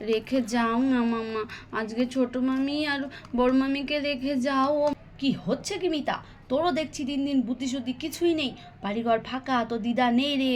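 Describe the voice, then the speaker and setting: A woman's voice: fairly high pitch, slight background noise. A woman voicing every character in a village doll cartoon, switching between pleading and soothing family voices. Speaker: storyteller voicing all dolls.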